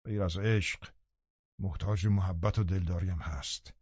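A man's voice: low voice, steady tone, slightly rough, no room sound, pitched below the performer's own voice. A man plays a scheming, brooding landowner in an audiobook. The voice stays menacing and heavy. The recording is dry and slightly dull. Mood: grim low. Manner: menacing, then loudly pleading. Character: scheming brooding middle-aged male landowner.

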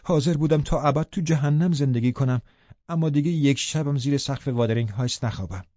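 Dark-voiced male audiobook narrator. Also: mid-range voice, no room sound, highs cut off. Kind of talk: scripted narration.

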